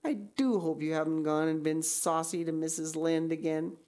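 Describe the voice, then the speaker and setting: A woman's voice: deep voice, fairly even intonation, moderate pace, warm tone, lightly acted. A woman voicing a stern older female guardian in a storybook, firm and exasperated, giving commands.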